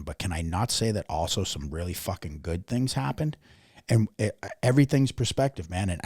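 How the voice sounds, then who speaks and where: A man in his thirties, a podcast guest telling his story in a candid, blunt way, swearing freely and getting animated. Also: deep voice, breathy edge, no echo, studio quality. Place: podcast studio.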